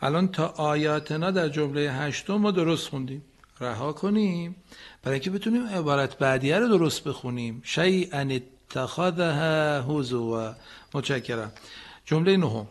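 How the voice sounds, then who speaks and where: A man teaching Quran recitation on a radio lesson. He corrects students patiently and models phrases slowly, sometimes chanting them. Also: a little high, lively intonation.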